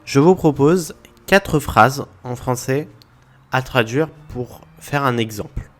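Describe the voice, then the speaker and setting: Speaking slowly at a medium pitch, a male language teacher works methodically through a language point for his viewers, going over examples one by one. Faint music plays in the background.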